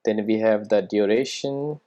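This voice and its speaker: In an informal coding tutorial, a presenter with a warm, mid-range voice speaks unhurriedly while walking through the steps. It feels like thinking out loud, punctuated by quick rhetorical questions and the tag "right?" to confirm the listener is following.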